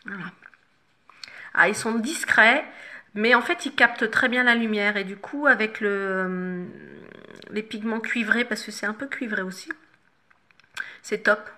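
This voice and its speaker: Woman makeup vlogger, chatty and loose, bright forward tone, lots of fillers and restarts. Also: medium pitch, a little slow, long pauses. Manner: chatty, many fillers and self-corrections. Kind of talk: casual makeup tutorial chat. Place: home, no studio lighting.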